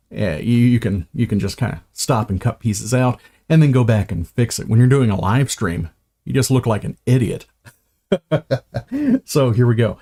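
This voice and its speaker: A man's voice: medium pitch, mellow. A man unboxing gear on a live stream, chatty and self-mocking, stumbling over words and starting lines again.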